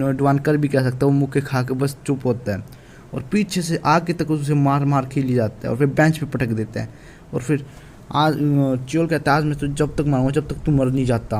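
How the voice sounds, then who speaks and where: A man's voice: medium pitch, darkish tone, a little hiss or hum. A man casually retelling a manhwa chapter, with frequent restarts and fillers. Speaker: manhwa recap narrator. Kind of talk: casual story recap.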